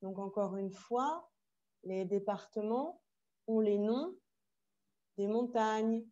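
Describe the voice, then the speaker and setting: A French woman teaching a French class online, explaining slowly and carefully with asides in Spanish. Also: mid-range voice, warm tone, lo-fi sound. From France. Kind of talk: online language workshop. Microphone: video call.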